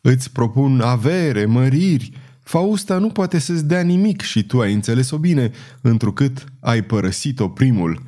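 Icy scheming churchman, as a man puts him on, urgent and pressing, darkish mellow tone. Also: mid-range voice, expressive, lightly acted. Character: scheming older male churchman, cold and insistent.

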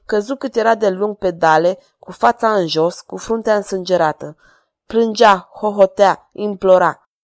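A woman narrating an audiobook in an expressive, theatrical reading style. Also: medium pitch, dry recording, clean studio sound.

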